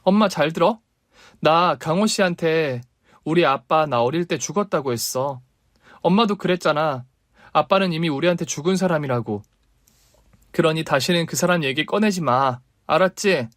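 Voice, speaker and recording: A man voicing a hurt, defiant young woman in a radio story reading, pleading and then shrill with anger. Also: unhurried, no room sound, clean studio sound. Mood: angry.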